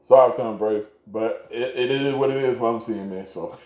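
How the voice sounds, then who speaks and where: A man's voice: mid-range voice, unhurried, warm tone. A man co-hosting a casual sports chat, easygoing and often laughing at his own picks. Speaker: co-host making game picks. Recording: echoey room.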